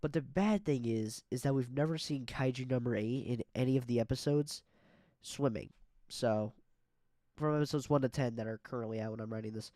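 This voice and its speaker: A man's voice: medium pitch, brisk, warm tone, dry recording. A man hosting an online monster battle video, talking through the matchups in a casual, hesitant way with frequent fillers. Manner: hesitant, filler-heavy delivery. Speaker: YouTube battle-video host. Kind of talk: casual scripted commentary.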